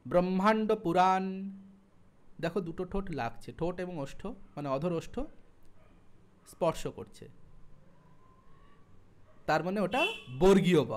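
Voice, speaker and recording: A young man with a high voice and a West Bengal Bengali accent leads an online exam-prep lesson. He talks in a chatty way, spells sounds out slowly, and drifts into asides. He is close to a single mic. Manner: chatty teacher, asides and everyday examples, drawn-out spelling of sounds. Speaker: Sanskrit exam tutor.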